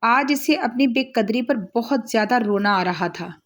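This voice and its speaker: A woman reading a romance novel aloud as a storyteller, in steady narration. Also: fairly high pitch, normal speed.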